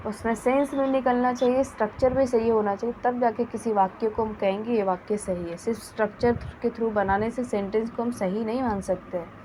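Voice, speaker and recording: A woman teaching a grammar lesson, dictating example sentences slowly and carefully. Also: fairly high pitch, steady tone, warm tone, slight background noise, low-quality recording. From India. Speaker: English teacher.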